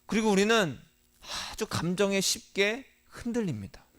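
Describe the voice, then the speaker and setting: High-voiced Korean pastor preaching. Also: male voice, animated, normal speed. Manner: rhetorical questions to the congregation, swings from soft to emphatic. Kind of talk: sermon.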